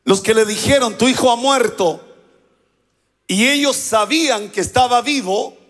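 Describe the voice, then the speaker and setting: A pastor delivering a sermon, prompting the congregation to repeat phrases back to him. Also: male voice, very high voice, measured pace, a bit bright, long reverb tail. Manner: preaching with call-and-response prompts to the congregation.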